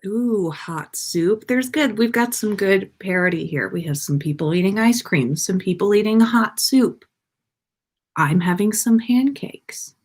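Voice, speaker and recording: Speaking a little slowly, an American livestream host chats with her viewers in a playful, meandering way. Her medium-pitched voice is animated and a little mellow.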